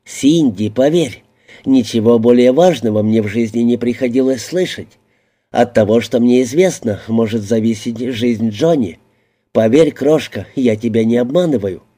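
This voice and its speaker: A smug, coercive man who speaks with slow, even, coaxing menace, as the reader gives him voice. His voice is very dark and mellow, held at a middling pitch. His words come out level and unhurried in this audiobook reading. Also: close to an everyday voice. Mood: commanding.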